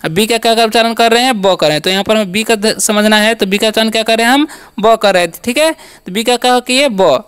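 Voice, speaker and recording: Man, very high voice, smooth resonant tone, teacher drilling pronunciation, asks and answers own questions. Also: fairly quick, a bit bright. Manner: frequent "ठीक है" and "okay" check-ins. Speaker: English teacher. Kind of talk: classroom-style lesson.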